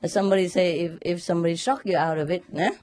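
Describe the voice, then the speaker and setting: Speaking quickly in a fairly low voice with no room sound, this spiritual teacher tells a story in casual conversation. She laughs a lot and animates her storytelling by imitating sounds.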